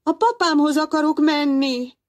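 A woman voicing an eager, excitable young boy clownfish in a storybook reading. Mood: frightened. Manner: high excited shouting, protesting.

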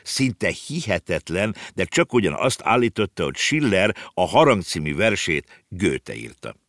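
A man narrating an audiobook with lively storytelling. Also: sits low, dry recording, clean studio sound.

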